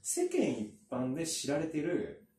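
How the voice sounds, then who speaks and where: A man with a fairly high, warm voice tells long, chatty stories in casual conversation, full of fillers and asides, his pitch swinging hugely. The recording is roomy and captured from a distance.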